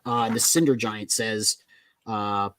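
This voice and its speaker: A man's voice: on the low side, fairly even intonation, unhurried, fairly bright tone, dry recording. A man in casual chat, animatedly retelling a comic book's plot on a video call. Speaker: co-host of a comic book show.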